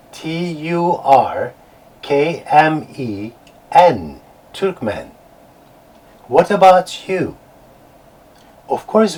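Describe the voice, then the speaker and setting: A man with a Turkish accent teaching beginner English, slow and deliberate, spelling words out letter by letter. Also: on the high side, darkish tone, breathy edge, low-quality recording.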